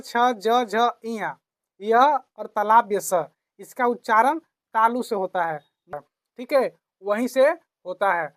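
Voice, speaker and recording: Slow, repetitive woman teacher explaining grammar. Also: a little high, no echo, studio quality. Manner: repeats key phrases, asks and answers own questions.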